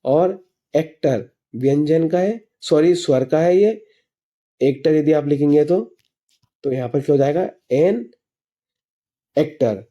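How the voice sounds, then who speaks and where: A man, teaching an English grammar lesson slowly and patiently, asking himself questions and answering them. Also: a little high, warm tone, muffled recording. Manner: asks and answers his own questions while teaching; slow, patient explanations. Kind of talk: classroom lesson explaining grammar.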